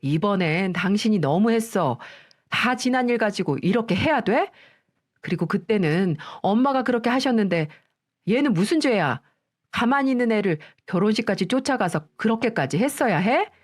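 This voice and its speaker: A woman's voice: medium pitch, expressive, moderate pace, lightly acted. A woman reading a story aloud and voicing a husband who reproaches his wife. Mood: reproachful.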